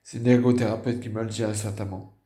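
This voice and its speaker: A tired man with a nasal voice and a northern French accent from the Nord, telling a personal story in a halting way with many fillers and restarts. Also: lowish voice, flat delivery, dark tone, echoey room. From Nord, northern France.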